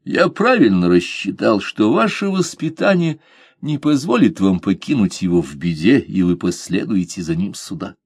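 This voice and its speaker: A man's voice: lowish voice, normal speed, husky, no room sound, studio quality, full character voice. A man voicing a composed, courteous pirate captain who speaks with cool irony. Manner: calm, courteous, mocking. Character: calm, ironic pirate captain, male adult.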